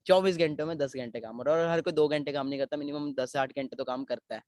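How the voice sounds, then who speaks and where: Fast-talking man hosting a webinar. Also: on the high side, fairly even intonation, darkish tone, dry recording, studio quality. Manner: mixes Hindi and English, upbeat and encouraging. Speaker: webinar host. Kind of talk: hosting an online webinar panel.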